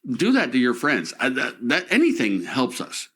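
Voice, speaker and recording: A man's voice: mid-range voice, huge pitch swings, moderate pace, a bit bright, breathy edge. A man speaking as a local resident, making an impassioned appeal, emotional and stammering as he repeats himself.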